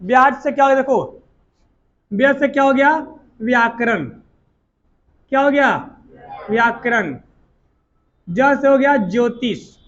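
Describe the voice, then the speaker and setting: A man's voice: extremely high pitch, takes it slowly, pauses often, a bit bright, lo-fi sound. A male teacher, giving a classroom lecture and drilling students with repeated questions and answers. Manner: repetitive call-and-response drilling.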